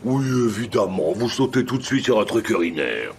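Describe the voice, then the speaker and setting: Sardonic Dr House. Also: male voice, lowish voice, very animated, moderate pace, slight background noise. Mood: sarcastic. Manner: sarcastic, needling. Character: sardonic mocking male doctor. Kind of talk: dubbed TV drama.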